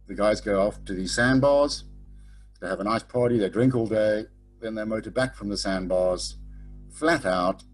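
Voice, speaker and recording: Over a video call on his webcam, a middle-aged man delivers a sailing lecture in a blunt, casual way, often ending points with "okay?" His pitch sits fairly low, with a husky texture.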